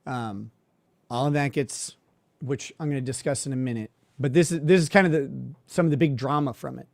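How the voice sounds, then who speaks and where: A man's voice: medium pitch, a little fast, a little mellow, no echo, studio quality. A man, a suspended lawyer, telling a story in a casual monologue with a sardonic, mocking manner, laughing and using lots of filler words.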